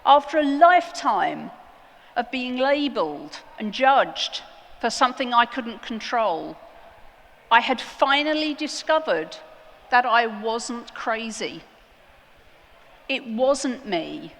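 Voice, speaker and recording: A woman giving a prepared conference talk, earnest and emphatic, with deliberate pauses. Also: a little high, very animated, a bit bright. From outside the United States. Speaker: conference speaker. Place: large conference hall. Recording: long hall reverb.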